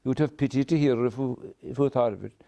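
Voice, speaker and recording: An older man with a Kerry Irish accent tells a folk tale to live listeners in a lilting, wry manner with dramatic pauses. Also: medium pitch, gravelly, mellow. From County Kerry, Ireland. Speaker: traditional storyteller. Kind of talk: oral folk storytelling to a live audience.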